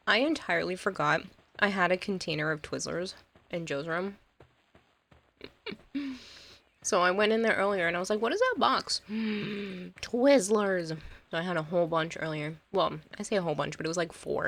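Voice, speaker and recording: Woman game streamer, lower-pitched, rambling casual chat with viewers. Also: creaky, a bit bright. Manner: chatty, rambling, laughs easily. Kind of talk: casual gameplay commentary and chat reading.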